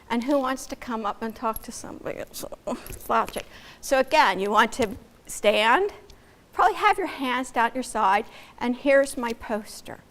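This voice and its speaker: A woman's voice: on the high side, a bit bright. A woman with an American accent gives casual, conversational advice on presenting a research poster, with fillers and acted example lines. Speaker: presenter giving poster tips. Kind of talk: casual workshop talk. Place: echoey room. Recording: echoey room.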